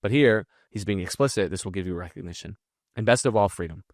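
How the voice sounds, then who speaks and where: A low-voiced man talks quickly and bluntly, explaining marketing copy in a casual, unscripted way. He swears freely and keeps a brisk, energetic flow. The recording is close and dry, with no room sound. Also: no room sound. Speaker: marketing and copywriting teacher. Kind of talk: casual screen-share breakdown.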